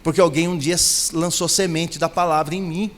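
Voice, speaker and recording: A man's voice: fairly high pitch, fairly even intonation, moderate pace, big-room sound. A man preaching a sermon as pastor, building to emphatic, repeated declarations.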